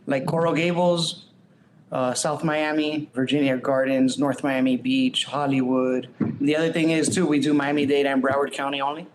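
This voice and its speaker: Sex: man. Role: septic service operator. Style: casual podcast interview. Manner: plain-spoken, informal. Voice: mid pitch, faint noise behind. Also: little pitch movement, moderate pace.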